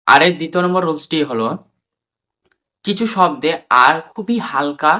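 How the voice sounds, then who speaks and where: A man with a Bengali accent gives an English pronunciation lesson in a bright, forward voice. He spells each word letter by letter and repeats it slowly for learners. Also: a little high.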